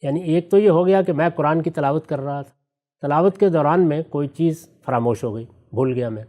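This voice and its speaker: A man, a religious scholar, explaining a subject step by step in a measured, teacherly way and reciting verses slowly as examples. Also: on the high side, warm tone. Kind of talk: explanatory discussion answering questions.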